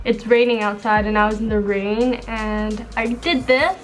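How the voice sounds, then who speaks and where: A woman's voice: a little high, moderate pace, soft background music. A young woman from Taiwan, a beauty vlogger chatting casually to a close camera in a small bedroom, upbeat and filler-heavy.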